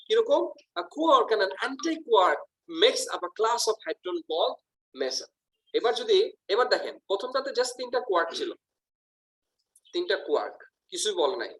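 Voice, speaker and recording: A man's voice: sits high, poor audio. Male physics teacher. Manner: switches between Bengali and English, asks the class questions and answers them himself. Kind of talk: recorded physics lesson.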